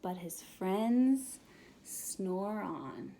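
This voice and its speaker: A woman preschool teacher reading a children's picture book aloud, expressive and sometimes whispering. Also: mid-range voice, vocal fry, a little hiss or hum. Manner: expressive, drawn-out storytelling with whispered bits.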